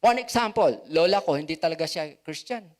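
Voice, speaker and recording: A man's voice: on the high side, animated, a little fast, darkish tone. A man with a Filipino accent preaching a sermon as pastor, asking rhetorical questions and leaning on words for emphasis.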